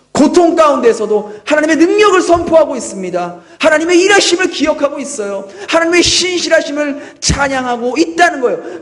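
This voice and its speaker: A pastor in his thirties delivers a sermon in a church. His voice sits very high for a man. He talks earnestly, like a storyteller, and keeps turning to his listeners with rhetorical questions. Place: church sanctuary.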